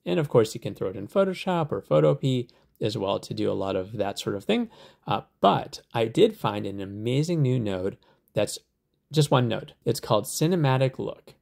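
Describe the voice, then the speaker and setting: A man hosting a software tutorial, explaining steps in a relaxed, conversational way with lots of fillers. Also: medium pitch, moderate pace, gravelly. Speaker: tutorial host.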